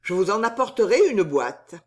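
Woman reading as a gallant young male poet, flowery and slow, lively pitch. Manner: grand, pleading declarations.

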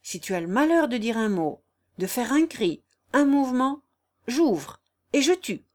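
A woman's voice: on the high side, very animated, unhurried, pitched above the performer's own voice. A woman reading the lines of a threatening, ruthless young man in a storybook reading. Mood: menacing. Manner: threatening, commanding.

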